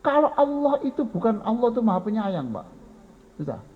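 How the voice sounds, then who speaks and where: A man's voice: sits high, very animated, moderate pace, narrow, tinny audio. A man with a Javanese accent preaching a folksy sermon and speaking directly to his listeners. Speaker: Islamic preacher.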